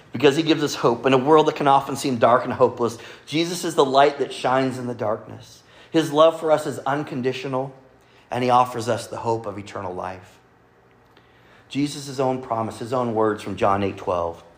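A man preaching a Sunday sermon to a congregation, earnestly quoting scripture and often dropping to a soft, quiet delivery. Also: mid-range voice. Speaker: pastor. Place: church service with congregation.

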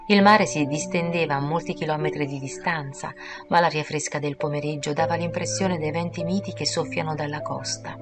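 A woman reads an audiobook chapter in a calm, measured narration. Her voice sits low for a woman. Clear music plays under her reading. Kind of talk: scripted narration.

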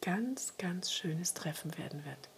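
A woman guiding a relaxation meditation in a soft, soothing spa-like whisper, breathy and husky. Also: lowish voice, animated, slow, a little hiss or hum. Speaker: relaxation exercise guide.

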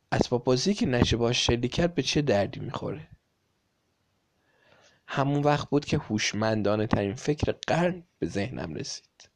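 A man reading a children's story aloud with lively, dramatic emphasis. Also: lowish voice.

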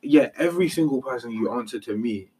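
Young london roadman guy, mid pitch, slangy casual chat, bit of background noise. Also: lively intonation, quick pace, a little mellow, recorded from a distance, poor audio. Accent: London, urban street slang. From London, England. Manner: roadman way of talking, slangy, emphatic.

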